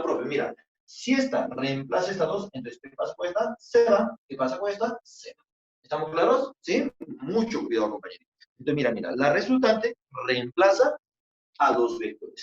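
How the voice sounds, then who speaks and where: A man with a Peruvian accent teaching a physics class, coaxing his students along with repeated questions. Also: fairly high pitch. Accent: Peruvian Spanish. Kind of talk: online class lecture. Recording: roomy, distant, dull lo-fi sound.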